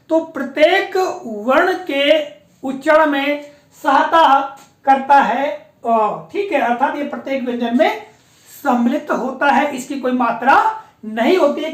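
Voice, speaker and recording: A woman teaching a patient, explanatory lesson, often pausing to check that her students follow along. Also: high voice. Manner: patient, explanatory, often repeats a confirming filler. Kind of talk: classroom-style lecture on pronunciation. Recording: echoey room.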